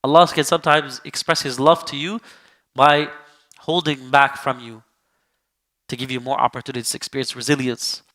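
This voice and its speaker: A man giving a casual, sermon-style Quran lesson, animated and full of rhetorical questions, sometimes acting out the people he quotes. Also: medium pitch, normal speed. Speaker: Islamic teacher.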